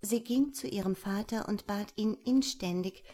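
A woman calmly reading a fairy tale aloud as narrator. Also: medium pitch. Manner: calm, unhurried storytelling.

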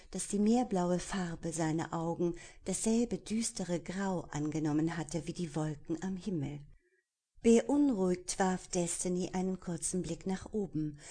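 A woman with a somewhat low voice reads a romance audiobook. Her storytelling is lively, with hushed passages she draws out slowly. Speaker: audiobook narrator. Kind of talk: expressive audiobook narration.

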